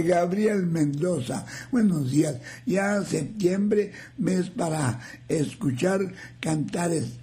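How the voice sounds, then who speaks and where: Older man, radio host, folksy, joking, high voice, gravelly. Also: dark tone. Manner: folksy, joking, slow and drawn out. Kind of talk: reading listener messages on live radio.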